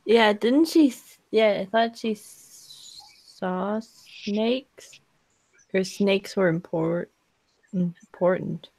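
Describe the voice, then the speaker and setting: A woman's voice: mid-range voice, very slow, gravelly, darkish tone, dry recording, low-quality recording. A woman chatting casually as a podcast panelist. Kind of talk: casual chat.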